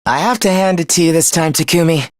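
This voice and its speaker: Fairly high-pitched and quick, this young man is lightly acting in a studio-quality, echo-free recording. He plays a video game villain, a taunting, smug young presence in someone's head, with theatrical condescension.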